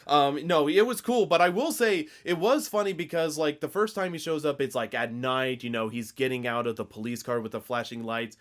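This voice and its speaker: A man's voice: a little high, a little fast, few pauses, fairly bright tone. A man co-hosting a casual podcast, chatty, laughing often and filling his talk with "like". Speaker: podcast co-host. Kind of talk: casual chat.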